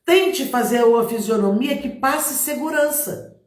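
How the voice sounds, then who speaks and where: A middle-aged woman with a Brazilian Portuguese accent, a missionary giving a lively church talk, acting out examples and speaking straight to her listeners. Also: high voice, unhurried. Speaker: missionary preacher. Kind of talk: motivational church talk to a congregation. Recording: roomy, echoing recording.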